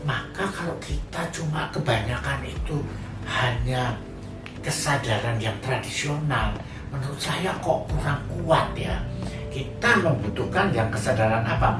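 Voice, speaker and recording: An older man giving a sociology lecture, speaking animatedly, addressing his listeners directly with frequent fillers and restarts. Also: medium pitch. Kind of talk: recorded lecture. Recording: roomy, distant mic, music behind.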